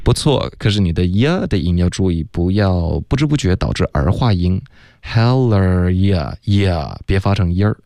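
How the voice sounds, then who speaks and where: A man's voice: deep voice, big pitch swings, fairly quick, few pauses, mellow, no echo. A man coaching English pronunciation in a radio studio, correcting precisely and saying "OK" often. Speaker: pronunciation teacher.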